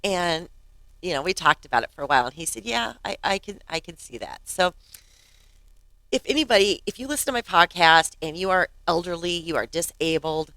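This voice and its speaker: A woman's voice: lowish voice, expressive, a little fast, a bit bright, no room sound. A woman in her fifties hosting her podcast, telling a story in a casual chatty way, often laughing and acting out what others said. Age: 50s. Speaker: podcast host.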